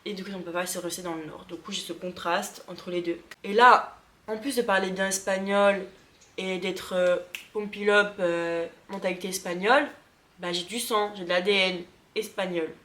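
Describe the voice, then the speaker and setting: A woman from Lorraine in eastern France chats in a casual vlog, quick to get excited and often thinking aloud with plenty of fillers. Her pitch sits at an everyday middle. The room gives her voice a noticeable echo. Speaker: vlogger. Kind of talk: casual vlog reacting to results.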